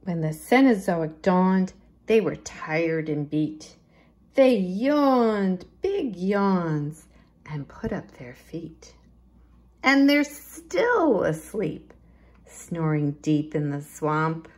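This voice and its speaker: With a lowish voice, this librarian reads a children's picture book at storytime, emphasizing its rhymes and rhythm in an expressive, deliberate way.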